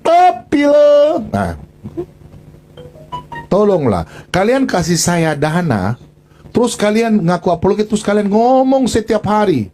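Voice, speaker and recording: Man, livestream host, aggrieved and pleading, high voice, very animated. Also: measured pace, faint music behind. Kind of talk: emotional livestream rant.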